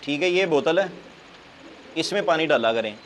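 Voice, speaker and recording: A man's voice: fairly high pitch, animated, normal speed, low-quality recording. A man gives casual, chatty advice on keeping pigeons and keeps saying "theek hai". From Pakistan. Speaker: pigeon keeper giving advice. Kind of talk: casual how-to talk. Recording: faint bird noise in background.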